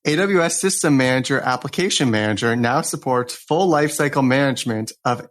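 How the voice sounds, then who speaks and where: A man's voice: mid-range voice, a little fast, a bit bright. Plain male podcast co-host reading headlines.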